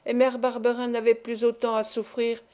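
Female audiobook narrator, slightly high, mellow, measured. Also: monotone.

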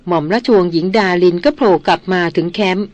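A woman narrating a novel as an audiobook reader in a steady storytelling manner. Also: fairly low pitch, quick pace, no room sound.

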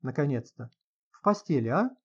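A man's voice: medium pitch, big pitch swings, moderate pace, husky, muffled recording. Male narrator as a gossipy older lady writer, prying, audiobook. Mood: nosy.

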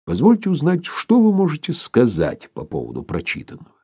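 A man's voice: medium pitch, huge pitch swings, darkish tone, husky, no room sound, clean studio sound, pitched above the performer's own voice. Man doing an imperious, ironic old professor. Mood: ironic, measured. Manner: measured, ironic, formal. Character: stately older male professor, ironic and imperious.

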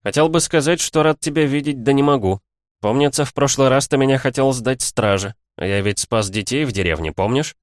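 Mocking bearded rogue, pitched up and sneering, voiced by a male narrator, audiobook. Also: fairly quick, dry recording, clean studio sound, close to an everyday voice.

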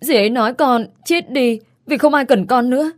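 A woman's voice: high voice, moderate pace, voice pushed up, close to an everyday voice. A woman voicing a frightened little girl who sounds hurt and pleading. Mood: tearful pleading. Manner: pleading and plaintive.

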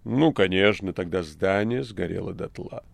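Воланд: надменный князь тьмы, как его читает мужчина. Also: male voice, sits low, gravelly, no room sound. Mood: measured. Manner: slow, scornful, measured. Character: haughty ancient male prince of darkness. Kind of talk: audiobook reading.

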